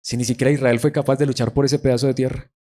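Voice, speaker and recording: A man's voice: mid-range voice, little pitch movement, very fast, dark tone. A man preaching a sermon emphatically, asking his listeners rhetorical questions and repeating words for stress.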